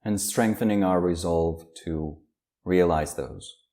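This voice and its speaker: A male meditation teacher with a low, dark voice leads an unhurried guided practice. He speaks slowly and calmly, leaving long pauses.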